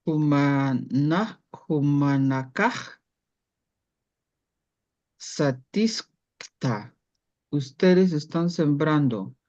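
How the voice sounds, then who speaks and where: A language student slowly and carefully reading out practice sentences in class, then asking the teacher for help. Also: mid-range voice, a little mellow, dry recording, highs cut off. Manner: slow, careful syllable-by-syllable reading.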